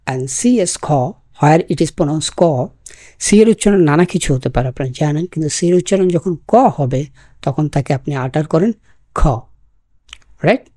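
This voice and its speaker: A woman from Bangladesh teaching spoken English, mixing Bengali with slow, deliberate English examples. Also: deep voice, dark tone, no room sound, studio quality.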